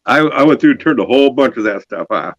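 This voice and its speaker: A man's voice: mid-range voice, lively intonation, dry recording, lo-fi sound. A man hosting a casual live stream chat outdoors, rambling and restarting his sentences. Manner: rambling, halting with many restarts. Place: outdoors behind a building.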